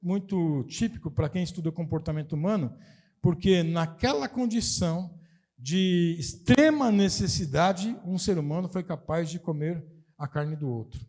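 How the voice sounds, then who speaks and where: Brazilian pastor guy, middle-aged, preaching, high voice, emphatic, keeps repeating himself. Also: moderate pace, darkish tone. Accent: Brazilian Portuguese. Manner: emphatic, explanatory, repeats key phrases. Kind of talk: sermon.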